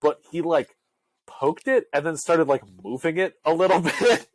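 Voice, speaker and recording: A young adult man co-hosting a podcast tells a rambling story in casual chat, packed with fillers, asides and frequent laughs. His voice sits on the high side at a normal speed, and the recording is dry.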